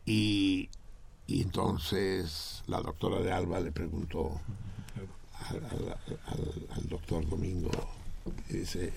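Mexican male radio host, deep and gravelly, theatrical ironic banter. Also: level tone, takes it slowly, darkish tone, slight background noise. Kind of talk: joking comedic radio banter.

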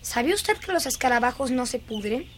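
A woman's voice: high-pitched, very animated, fairly quick, slight background noise. A woman dubbing a dreamy, eerie little girl who is fascinated by dead beetles, in a lingering, singsong, childlike way. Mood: chatty. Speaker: dubbing actress. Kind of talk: film dubbing.

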